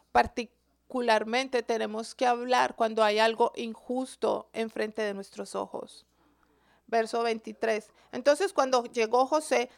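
A woman teaching from the Bible in a sermon, asking her listeners questions and stretching key words out slowly for emphasis. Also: fairly high pitch, gravelly.

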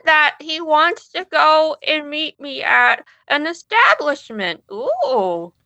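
A woman's voice: high voice, very animated, slow, creaky, pushed and bright, no room sound, dull audio, full character voice. A woman voicing a cheeky, randy old grandmother, with a shaky, crackly voice in improv comedy.

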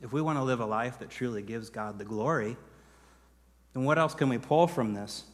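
A man preaching a sermon as pastor, earnest, building to emphatic peaks and then dropping quiet. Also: mid-range voice, moderate pace, long reverb tail.

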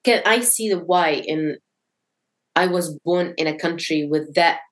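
A woman's voice: fairly low pitch, unhurried. A young woman from Syria, a podcast guest, talking reflectively and searching for words with frequent restarts. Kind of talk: casual conversation.

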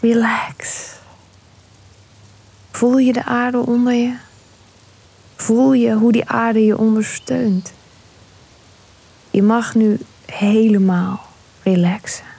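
A woman leads a guided meditation in a slow, unhurried way. Her voice is mellow and breathy, and she often drops into a hushed whisper. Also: on the high side, flat delivery.

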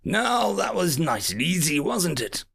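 A man voicing a menacing male alien pirate captain with a gravelly voice, mocking and falsely polite. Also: fairly high pitch, sing-song, unhurried, a bit bright, voice pushed up, exaggerated voice.

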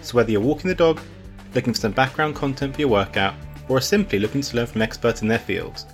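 A man with a slightly croaky voice, hosting an interview podcast. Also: mid-range voice, fast talker, faint music behind. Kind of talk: scripted podcast introduction.

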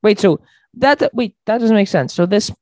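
Guy w a slightly higher voice asking questions on a podcast, dry mic. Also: lively intonation, moderate pace, a little mellow, dry recording. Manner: curious, asks lots of questions. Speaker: podcast co-host. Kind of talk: casual sports chat.

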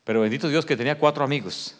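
A man preaching a sermon, acting out the story and swinging from shouts to hushed tones. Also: medium pitch, very fast. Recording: long reverb of a hall.

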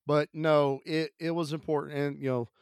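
A man with a slightly raised pitch talks through a stuffy, sick-sounding voice as he co-hosts a movie podcast. He rambles in an upbeat, chatty way, and the recording is close and dry with a smooth, clean tone. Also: level tone, moderate pace, no echo. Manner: chatty, upbeat, frequent fillers. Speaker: podcast co-host. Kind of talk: casual podcast chat.

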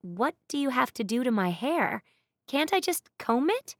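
A woman's voice: high voice, sing-song, moderate pace, no room sound, pitched above the performer's own voice. A woman voicing a blunt, stubborn young heroine who grumbles and snaps. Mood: grumbling. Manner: grumbling, snappish.

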